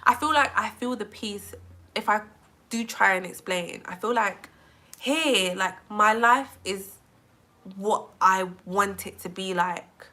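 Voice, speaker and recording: Bright-voiced chatty British woman. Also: mid-range voice, slow pace. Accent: British English. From England. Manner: chatty, animated, many filler likes. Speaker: vlogger. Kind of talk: casual chat to camera.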